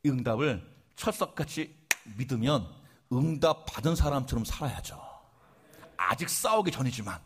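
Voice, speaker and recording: Husky guy preaching a sermon, kinda high voice, tells stories and jokes on himself, keeps throwing questions at the crowd. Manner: animated storytelling preacher, many rhetorical questions, self-deprecating humor. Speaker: pastor. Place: church service.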